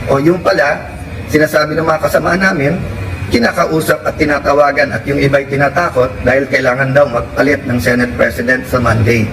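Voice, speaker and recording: A Filipino man giving a measured formal statement, earnest, switching between English and Tagalog. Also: mid-range voice, fairly even intonation. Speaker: politician speaking in a hearing. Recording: roomy far-off clip with noise.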